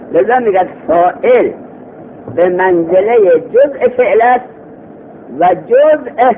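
A man with a fairly high voice gives a grammar lesson, walking through each point slowly and repeating key phrases. He keeps asking the class rhetorical questions. The recording is thin and phone-like, with faint hiss behind it. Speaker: teacher of Arabic grammar.

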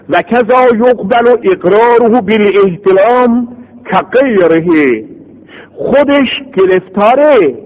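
A male teacher of religious law giving an animated classroom lecture, reading a text aloud and explaining it by acting out scenes. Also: sits high. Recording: dull lo-fi recording.

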